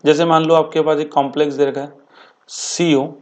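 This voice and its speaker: A male chemistry teacher talks through a board exam revision lecture. He keeps posing quick questions to his students and answering them himself. He drags out key terms slowly for emphasis. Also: on the high side, level tone, a little mellow. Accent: Hindi-speaking Indian. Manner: addresses students as beta and bhaiya.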